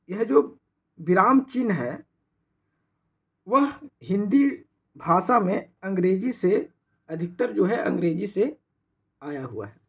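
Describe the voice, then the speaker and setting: Brief: slow, deliberate teacher voice with a husky edge, stopping to ask rhetorical questions while explaining. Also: medium pitch. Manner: explains step by step, often fills with rhetorical "what is it". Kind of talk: grammar lesson.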